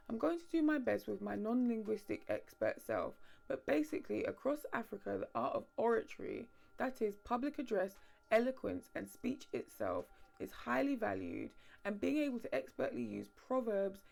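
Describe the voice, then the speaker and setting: A woman's voice: medium pitch, gravelly, a little mellow. A woman narrating a scripted history video essay with wry, sardonic asides.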